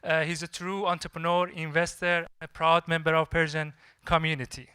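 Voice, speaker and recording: A man hosting a live event and introducing speakers in a halting, hesitant way with pauses. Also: a little high, level tone, pushed and bright, clear, resonant tone, no echo, studio quality.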